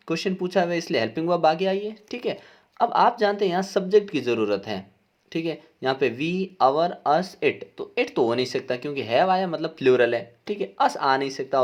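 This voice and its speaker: A man, working as a teacher, explains an exam paper. He reads each question out slowly and then explains it with frequent checks that the students are following. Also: on the high side.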